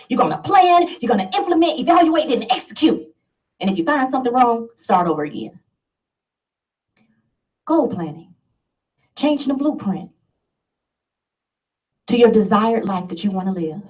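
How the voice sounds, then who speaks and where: A woman's voice: on the high side, far from the mic, lo-fi sound. A woman giving an emphatic motivational talk to a live audience, laughing and asking the listeners questions. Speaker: motivational speaker.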